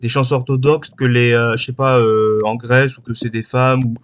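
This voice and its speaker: A man's voice: medium pitch, little pitch movement, normal speed, smooth. A man hosting a gaming channel, chatting casually while he plays, rambling and hesitant with many fillers. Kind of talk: casual chat while playing.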